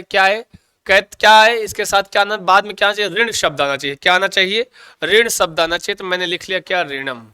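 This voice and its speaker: A man's high, sharp, clean voice is heard in a dry recording of an exam coaching lecture on Sanskrit grammar. He repeatedly asks and answers his own questions, saying the answers again and again, and addresses students as "bhaiya" and "ji."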